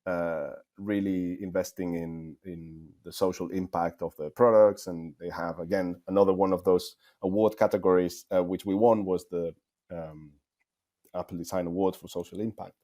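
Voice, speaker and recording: A Spanish man with a low, mellow, steady voice answers interview questions at a moderate pace as a guest game developer. He thinks out loud in a conversational way and repeats himself often.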